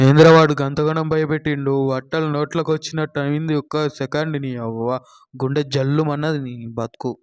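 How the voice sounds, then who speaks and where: A crude young hostel student voiced by a man grumbles and curses in a comedy sketch. He speaks quickly, in a flat tone. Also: a little high, clear, resonant tone, no echo, natural voice. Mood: grumbling. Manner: foul-mouthed, grumbling.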